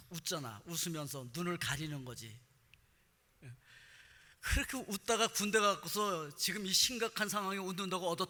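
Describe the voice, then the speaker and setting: A middle-aged man as pastor, giving a conversational sermon and telling stories in a lively way, often dropping short affirming words. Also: sits high. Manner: animated storytelling with frequent affirming interjections. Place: church sanctuary. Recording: reverberant hall.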